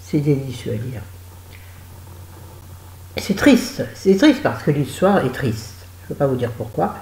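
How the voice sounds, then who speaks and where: A woman's voice: rumbling low, animated, unhurried, dark tone, reverberant, low-quality recording. A woman giving a chatty, digressive spoken book review, talking straight to her viewers.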